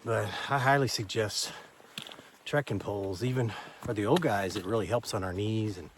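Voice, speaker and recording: A man's voice: lowish voice, moderate pace, noisy background. An older man from Texas, vlogging a hike outdoors on a forest trail into a handheld camera, rambling in a folksy way as he gives friendly advice. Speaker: hiker vlogger. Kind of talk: casual trail vlog.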